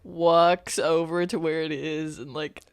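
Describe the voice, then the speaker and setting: A woman's voice: low-pitched, steady tone, slow pace, smooth. A woman playing a tabletop role-play game, improvising casually and hesitantly as she describes her character.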